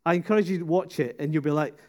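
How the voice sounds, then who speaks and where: High-voiced male preacher, animated storyteller, sermon in a church, casual and lively. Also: racing. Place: church service.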